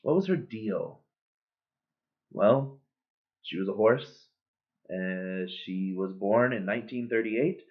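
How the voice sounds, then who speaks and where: Brief: sardonic, bitter cartoon horse, a washed-up star, middle-aged male, deadpan jokes, read cold by a man, tinny webcam sound. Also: fairly low pitch, takes it slowly, pauses often. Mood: sardonic eulogy. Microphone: built-in computer webcam mic. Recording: tinny, phone-like webcam audio.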